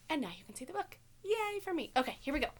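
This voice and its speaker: Quick and very animated, a woman with a high voice reads a picture book to children. She's an elementary school teacher, reading with plenty of expression and asking her young listeners simple questions.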